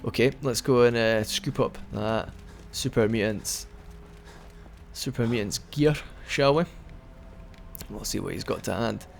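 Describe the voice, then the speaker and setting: A man's voice: on the low side, measured pace, gravelly, a little hiss or hum. A young man giving rambling, casual commentary over a game he is playing, hiccuping now and then. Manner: chatty and rambling, with frequent restarts. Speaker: let's play commentator.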